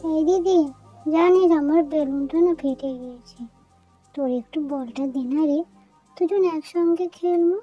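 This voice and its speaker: A woman voicing a small girl doll who begs her older sister, in a childlike, squeaky, wheedling voice. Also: normal speed, lo-fi sound, soft background music, close to an everyday voice. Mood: pleading. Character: Tiya, little girl doll, pleading and whiny.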